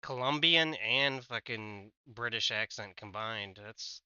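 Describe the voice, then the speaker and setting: Streamer, adult male, American, laid-back gaming banter, bright tone, dry mic. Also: fairly low pitch, takes it slowly, clear, resonant tone, dry recording, lo-fi sound. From United States. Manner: casual, swears a lot, trails off mid-sentence. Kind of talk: casual gaming chat.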